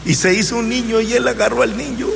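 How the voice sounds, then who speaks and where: A man in his seventies preaching a sermon in a slow, emphatic way, with rising exclamations. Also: very high-pitched, steady tone, vocal fry. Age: 70s. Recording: hall reverb with faint noise.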